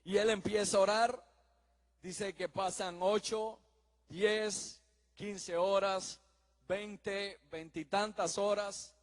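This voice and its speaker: A man's voice: sits high, fairly even intonation, slow, long reverb tail. A man preaching a sermon, earnestly telling anecdotes and addressing listeners directly. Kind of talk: sermon with storytelling.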